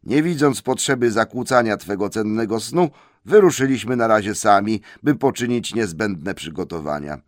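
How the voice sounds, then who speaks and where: A man's voice: on the low side, animated, moderate pace, dry recording, studio quality, pitched above the performer's own voice, lightly acted. A man voicing a formal, pompous letter from a company of dwarves in an audiobook, stiff and businesslike.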